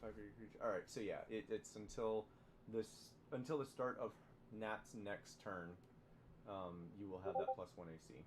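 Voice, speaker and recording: Low-voiced man running a tabletop game. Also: fairly even intonation, a crowd in the background. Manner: halting, many fillers and restarts. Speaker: dungeon master.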